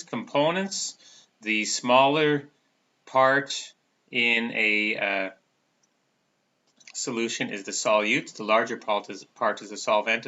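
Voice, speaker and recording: A man giving a recorded chemistry lecture in a casual, halting way, with many fillers. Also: medium pitch, sharp tone. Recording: dull lo-fi recording.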